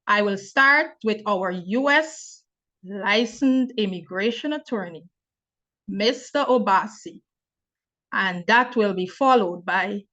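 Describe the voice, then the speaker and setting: A young woman from Guyana, hosting and moderating a webinar on a video call, speaking in a measured, formal way. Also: medium pitch, a bit bright. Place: home or office on video call. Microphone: laptop mic on video call. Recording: dull lo-fi video call audio.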